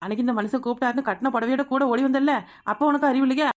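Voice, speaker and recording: A woman voicing a touchy younger sister from the village in a cartoon, with a Kanyakumari Tamil accent, quick to retort. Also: high voice, natural voice. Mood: reproachful. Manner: retorting, quick to take offence. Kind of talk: cartoon voice acting.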